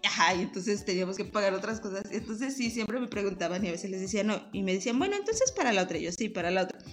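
A woman in her forties with a Mexican accent, a podcast host chatting casually and telling lively, laughing anecdotes with acted-out voices. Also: mid-range voice, fast, faint music behind. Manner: lively storyteller, laughs often, acts out voices. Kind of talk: casual chat.

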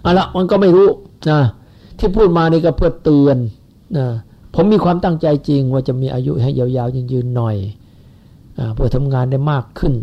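A man in his seventies giving a rambling, folksy Buddhist sermon to followers. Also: fairly high pitch. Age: 70s. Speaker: Buddhist teacher. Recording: lo-fi dull recording.

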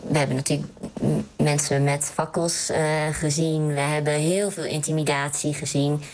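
A woman answers interview questions through a voice disguise that shifts her pitch down to a deep, artificial register. Her tone stays flat and low throughout. She speaks hesitantly, with frequent fillers and restarts. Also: moderate pace, slight background noise. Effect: voice distorted, pitch shifted deep for anonymity. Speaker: intelligence analyst.

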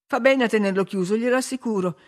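A woman reading an audiobook, voicing a frightened, apologetic gentleman tenant with raised, urgent exclamations. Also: fairly high pitch, quick pace, natural voice. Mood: flustered urgency.

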